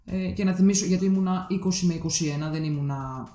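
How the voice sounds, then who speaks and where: A woman in her thirties telling a personal story in casual podcast chat, candid and animated when she quotes others. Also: lowish voice, echoey room, faint music behind. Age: 30s.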